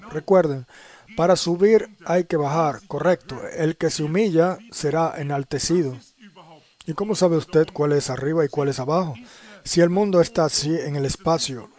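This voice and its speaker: A man's voice: on the high side, darkish tone. A man preaching a sermon in earnest tones, often putting rhetorical questions to his listeners.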